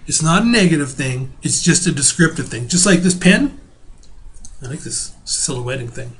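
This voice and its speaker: A middle-aged man teaching a relaxed recorded video lecture from home, talking casually with fillers and restarts. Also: fairly high pitch. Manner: spells out terms slowly.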